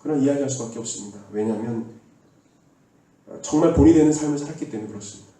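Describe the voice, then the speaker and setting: A man preaches a sermon in a warm, mellow voice, urging his listeners earnestly and having them repeat his words. He sounds far from the mic. The church hall around him echoes heavily. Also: mid-range voice, fast. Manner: earnest exhortation, leads the congregation in call-and-response. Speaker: pastor. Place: church sanctuary.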